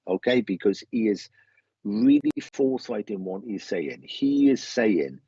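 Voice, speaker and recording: In muffled, roomy online stream audio, a Welsh-accented medium chats casually and greets viewers, rambling and repeating his phrases. His voice is on the low side but swings hugely in pitch, unhurried, mellow, with vocal fry and a breathy edge.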